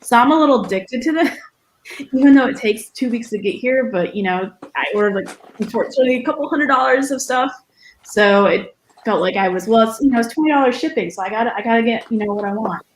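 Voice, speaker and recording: A woman's voice: fairly high pitch, fast talker, reverberant, slight background noise, poor audio. A woman guest chatting on a casual livestream, enthusiastic and rambling as she talks.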